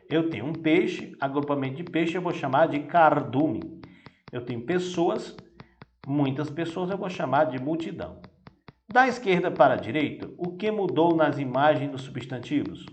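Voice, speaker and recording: A man teacher, patiently walking pupils through a grammar exercise and often checking they follow. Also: fairly high pitch. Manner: patient, repeats "vai dar o quê?" and "né?". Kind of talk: recorded classroom lesson walkthrough. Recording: echoey room with faint noise.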